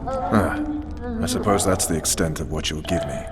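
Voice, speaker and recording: Deep-voiced tough cop interrogator. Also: male voice, normal speed. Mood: stern, probing. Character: gruff tough male cop, stern special forces commander interrogating. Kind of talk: video game voice acting.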